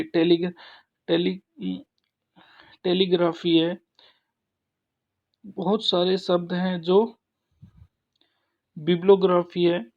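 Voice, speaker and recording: A man talks through a grammar lesson at a very slow, deliberate pace. His voice has a gravelly edge, and he often pauses or restarts mid-sentence. The recording sounds dull and lo-fi. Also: sits high, darkish tone. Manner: slow, halting explanation with frequent restarts. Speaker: English teacher.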